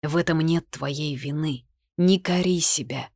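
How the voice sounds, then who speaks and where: A woman reading the lines of a calm, caring young male mage in an audiobook, in an even, reassuring tone. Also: fairly high pitch, unhurried, dry recording. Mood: tender.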